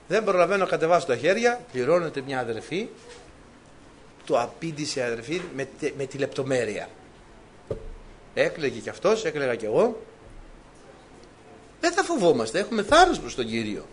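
A man from Greece preaching a sermon, telling personal stories with lively, animated delivery. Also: fairly high pitch. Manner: lively, animated storytelling, laughs at own stories.

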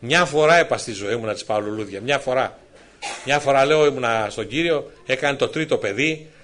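A middle-aged man preaching his personal testimony, moving from soft asides to loud, excited exclamations. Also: medium pitch, slight background noise. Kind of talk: sermon testimony storytelling.

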